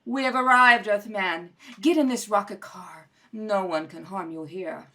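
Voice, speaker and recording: A woman's voice: medium pitch, unhurried, pushed and bright. A woman acting a bold, amorous young alien princess in old radio serial style. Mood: admiring. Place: home kitchen table. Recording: home recording with faint noise.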